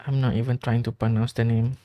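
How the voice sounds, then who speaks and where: A man's voice: medium pitch, flat delivery, fast talker, warm tone, dry recording. A man casually commentating over a video game's dialogue with wry, joking asides. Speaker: gameplay commentator. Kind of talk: casual let's-play commentary.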